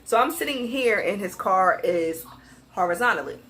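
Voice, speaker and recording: A young adult woman telling a casual story on her vlog, animated and emphatic, often breaking into laughter. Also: mid-range voice, moderate pace. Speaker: vlogger.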